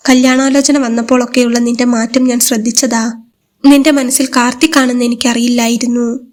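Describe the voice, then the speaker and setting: Woman voicing a middle-aged mother, widowed, gentle, firm, soothing, high, steady pitch. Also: fairly quick, close to an everyday voice.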